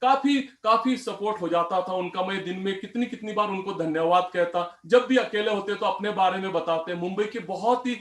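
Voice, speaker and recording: A man's voice: sits high, moderate pace, hardly any pauses, fairly bright tone, echoey room. A middle-aged man giving a motivational speech, telling a story from his life and addressing the audience as friends. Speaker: motivational speaker.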